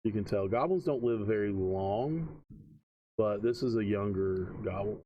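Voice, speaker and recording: A man narrating casually as game master, halting and thinking aloud as he goes. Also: lowish voice, lively intonation, narrow, tinny audio, a little hiss or hum.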